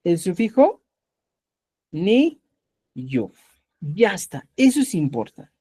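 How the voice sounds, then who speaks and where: A man's voice: sits high, slow, slightly rough. A man teaching a live online Quechua class, quizzing his students and saying "ya" again and again. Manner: lively, repeats "ya" and quizzes students.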